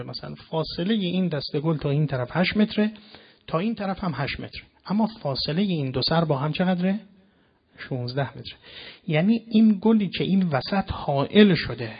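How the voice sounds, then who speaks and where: A man preaching in a hall, with a somewhat raised voice that has a husky, slightly breathy grain. He explains his points patiently and lingers on each Quranic verse he recites. The recording sounds dull and lo-fi. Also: a little high. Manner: measured and explanatory, slowly chanting Quranic verses. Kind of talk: sermon. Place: lecture hall with a live audience.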